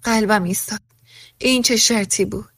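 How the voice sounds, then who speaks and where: A woman reading a first-person story aloud as scripted narration, voicing every character in the same even narrating voice. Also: mid-range voice, no room sound, studio quality.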